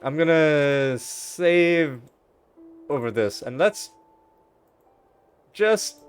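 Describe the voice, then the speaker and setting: A man's voice: fairly high pitch, animated, drawn-out words, clear, resonant tone, soft background music. A man hosting a let's play, talking through a game casually with wry, rambling asides and frequent self-corrections. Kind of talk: casual gameplay commentary.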